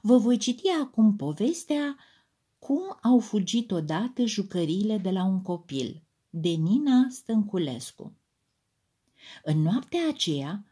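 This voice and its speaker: A woman reading a children's story aloud, lively and expressive. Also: medium pitch, breathy edge.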